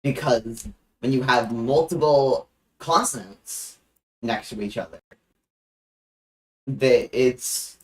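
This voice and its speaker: A young adult streamer chatting casually on a livestream, halting with frequent restarts and joking in a deadpan way. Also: mid-range voice, poor audio.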